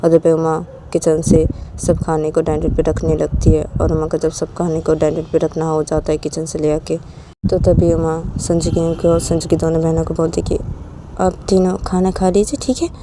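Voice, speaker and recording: A woman's voice: sits low, completely flat delivery, normal speed, background noise. A woman narrating a romance story in a loose, repetitive storytelling manner.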